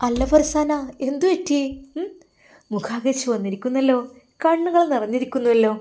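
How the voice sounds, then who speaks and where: A coaxing, motherly rich lady, as a woman narrator puts her on presses a young girl with question after question. Her voice sits high and carries loudly. It is a middle-aged figure in a spoken story. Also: expressive, normal speed.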